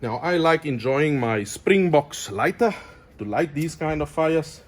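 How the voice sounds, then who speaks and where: Outdoors, a middle-aged man with an Afrikaans South African accent hosts a friendly braai tutorial for his cooking channel, treating the audience as friends. He speaks unhurriedly and expressively, at a fairly high pitch.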